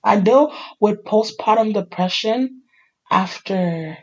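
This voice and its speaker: A middle-aged woman telling her life story in a candid, animated conversation, acting out the people she quotes. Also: mid-range voice, slow, dull audio. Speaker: podcast host sharing her life story.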